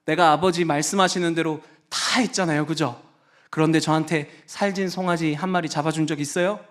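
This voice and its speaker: A man's voice: fairly high pitch, fairly even intonation, brisk, lightly acted. A man acting a sulky, wronged elder son. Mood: aggrieved. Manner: whiny, indignant complaining.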